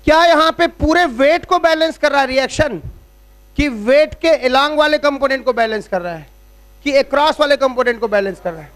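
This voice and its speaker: A man's voice: very high voice, moderate pace, fairly bright tone. A man teaching physics as a classroom lecture at a board, explaining step by step and checking in with rhetorical questions. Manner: uses everyday analogies.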